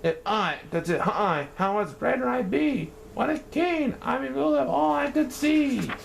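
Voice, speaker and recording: A man voicing a pompous, boastful male turtle king, shouting his commands in a grand manner. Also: moderate pace, vocal fry, slight background noise, exaggerated voice. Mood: grandiose. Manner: shouting, grandiose, high and strained.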